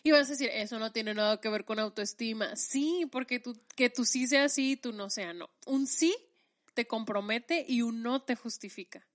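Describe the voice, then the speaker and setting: A young woman talks in a relaxed podcast conversation. Her voice sits fairly high, and she acts out the little quotes she tells, laughing easily between thoughts. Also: moderate pace. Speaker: podcast co-host. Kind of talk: casual chat.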